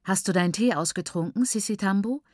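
Lady doing a chatty mom figure for an audiobook, bit higher than her own voice, prim and scolding, dry sound. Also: dry recording, natural voice. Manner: brisk, admonishing, falsely cheerful. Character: chatty proper mother lecturing on manners.

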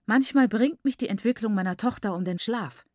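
A woman's voice: mid-range voice, a little fast, darkish tone, no room sound, studio quality, pitched above the performer's own voice, lightly acted. Woman voicing a stern, strict father. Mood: worried. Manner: stern, commanding.

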